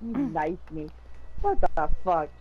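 A woman's voice: on the low side, sing-song, slow pace, mellow, muffled recording, a little hiss or hum. A young woman from Canada chatting casually while playing a game, laughing often, teasing and swearing freely. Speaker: gamer. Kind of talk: casual gameplay chat.

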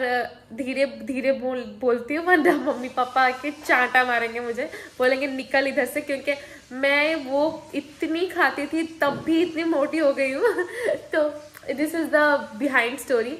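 High-pitched young woman rambling through her vlog, casual and chatty. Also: fairly bright tone, low-quality recording. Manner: chatty, mixes Hindi and English, jumps between topics. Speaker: vlogger.

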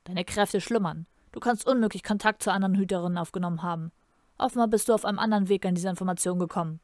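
A woman's voice: mid-range voice, fast, no room sound, clean studio sound, natural voice. A woman reading aloud and voicing a cruel, imperious male emperor in a menacing, commanding tone. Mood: cold, probing. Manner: menacing, commanding, bursts into furious shouting.

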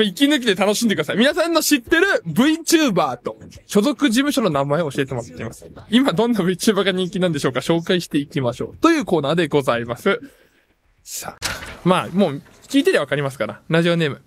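A man with a high, very animated voice hosts late-night radio from a studio microphone, joking and teasing himself as he reads listener messages. His banter swings up into sudden high jumps, and a faint hiss sits under the recording. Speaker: radio host.

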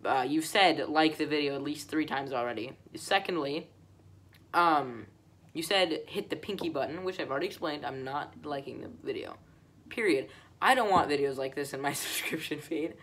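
A woman's voice: low voice, normal speed, fairly bright tone. A woman giving casual reaction commentary, ranting sarcastically and saying "like" constantly. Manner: sarcastic ranting, heavy use of "like". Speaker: reaction video creator.

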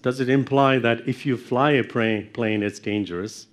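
A man's voice: medium pitch, steady tone, normal speed. A middle-aged man giving a university lecture, explaining step by step and putting questions to his audience in a lecture room.

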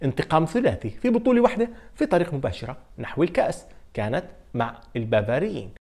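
A man with a Levantine Arabic accent hosting a football countdown video, telling the stories in a fast, animated way with frequent fillers. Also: on the high side. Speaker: sports video host. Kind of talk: energetic football countdown commentary.

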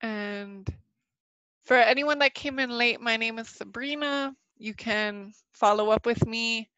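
A young woman hosting a webinar Q&A, a little nervous and halting, with a slightly sick voice. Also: on the high side, fairly bright tone, clean tone, no room sound. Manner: nervous, halting, many fillers and restarts. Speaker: webinar presenter. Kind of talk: live webinar presentation with Q&A. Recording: dull, lo-fi dry webinar audio.

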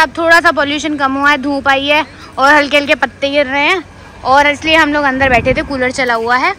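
A woman's voice: high-pitched, sharp tone, a little hiss or hum. A woman vlogging at a park cafe, chatting casually with friends and viewers and laughing often, with a Delhi Hindi accent. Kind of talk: casual vlog chat.

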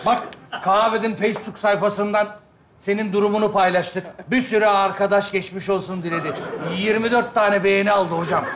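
A man playing a gruff, scolding friend. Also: sits high, steady tone, brisk, noisy background, close to an everyday voice. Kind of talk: studio sketch comedy.

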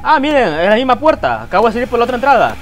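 A man with a rather high voice narrates his horror game playthrough as live commentary. He is excitable and swears freely, calling out to his viewers as he plays. A faint hiss of noise sits under his voice. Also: racing. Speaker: gaming YouTuber. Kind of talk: let's play commentary.

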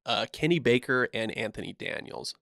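A man's voice: mid-range voice, moderate pace, creaky, dry recording, studio quality. A man hosting a casual podcast, talking loosely with fillers and trailing phrases. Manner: relaxed, trailing off, frequent fillers. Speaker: podcast host.

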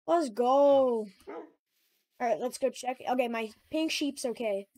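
A woman giving casual, excitable commentary while playing a game, chatting to her animals as she goes. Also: high-pitched, slow pace, no echo. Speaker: gamer.

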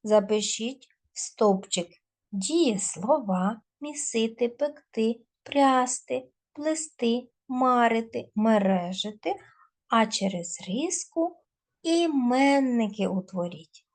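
Female teacher recording a lesson for children; unhurried, clear dictation, slightly high pitch. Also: expressive. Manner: slow, clear dictation of word lists.

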